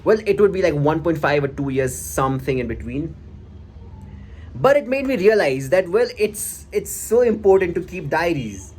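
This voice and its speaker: A young man with an Indian accent talks casually and haltingly, reflective and a little self-conscious as he shares his old diary. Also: fairly high pitch, animated, darkish tone. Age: young adult. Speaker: vlogger. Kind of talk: casual personal storytelling, reading from an old diary. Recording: clearly audible background noise.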